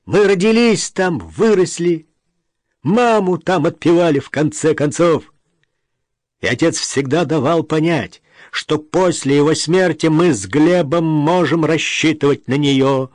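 A man's voice: a little high, a little slow, darkish tone, no echo, studio quality, pitched above the performer's own voice, close to an everyday voice. A man doing a sarcastic, hot-tempered son. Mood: indignant. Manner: sarcastic, heated, pushy. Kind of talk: audiobook character reading.

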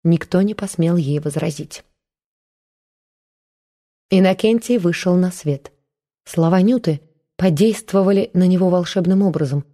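Mellow-voiced woman narrating. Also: on the low side, unhurried, pauses often. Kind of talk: audiobook narration.

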